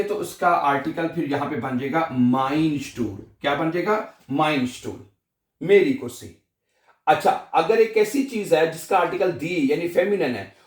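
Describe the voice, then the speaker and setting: A man with a Pakistani Urdu accent teaching German grammar in a lesson, repeating each form and asking the listener to say it back. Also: fairly high pitch. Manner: repeats forms and asks the listener to echo them.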